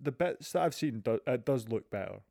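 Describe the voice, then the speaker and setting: A man's voice: medium pitch, animated, a little fast, gravelly, mellow, no echo. A Scottish man hosting a podcast in casual, teasing banter with a dry sense of humour. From Scotland. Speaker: podcast host. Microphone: remote recording from a separate room.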